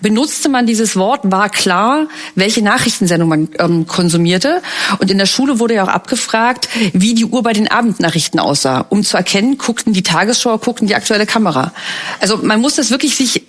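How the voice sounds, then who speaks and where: A woman's voice: mid-range voice, animated, a little fast. A middle-aged woman from East Germany, a panel guest reflectively recounting childhood memories before an audience.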